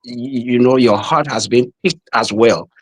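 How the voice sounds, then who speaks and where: A middle-aged minister with a Liberian accent speaks earnestly and patriotically in a casual podcast discussion, repeating words as he goes. His mid-range voice has a breathy edge, and his pace is moderate.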